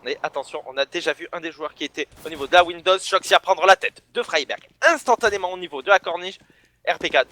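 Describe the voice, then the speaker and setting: A man from the south of France, casting an esports match solo and bursting into shouts on big plays. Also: a little high, a little hiss or hum. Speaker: esports caster. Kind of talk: solo play-by-play commentary.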